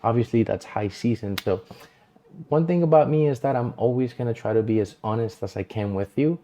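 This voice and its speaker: A Colombian real estate agent introduces himself in a self-introduction vlog, talking to camera from a small, dim home studio with colored lights. He's easygoing and earnest with a loose, filler-heavy delivery, speaking fairly quickly in a medium-pitched, dark-toned voice, with a little hiss or hum.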